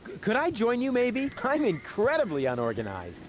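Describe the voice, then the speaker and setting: Animated, cocky young game hero. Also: male voice, extremely high pitch, normal speed, exaggerated voice. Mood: glib, curious. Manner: glib, hesitant stammering when challenged. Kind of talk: animated adventure game dialogue.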